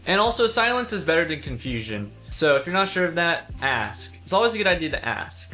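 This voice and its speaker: A young man who is an instructor, video host and pilot gives a casual, conversational instructional talk for a video, stressing key points informally. His voice is fairly high-pitched, pushed and bright.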